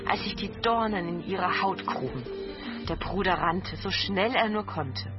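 Low-voiced woman telling a fairy tale. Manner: calm, measured. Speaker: storyteller. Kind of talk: scripted fairy tale narration. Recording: dull lo-fi with faint music.

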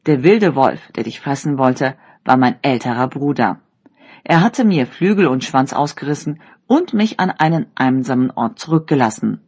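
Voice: medium pitch, expressive, moderate pace, a little mellow, slightly rough. A storyteller voicing a kindly, loyal talking blue bird in a read-aloud fairy tale. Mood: gentle.

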